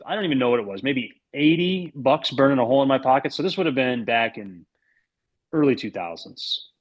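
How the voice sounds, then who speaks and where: A man's voice: medium pitch, animated, fairly quick. Jokey man in his thirties, chatting sports. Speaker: recurring podcast guest. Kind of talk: casual sports chat, anecdotes.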